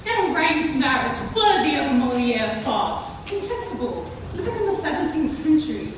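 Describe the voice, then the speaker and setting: A woman's voice: high-pitched, big pitch swings, moderate pace. A woman playing a lovestruck, self-dramatising young man in a stage farce, declaiming like a hammy actor. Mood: scornful. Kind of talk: farcical stage comedy acting. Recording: echoey hall, distant mic, faint noise.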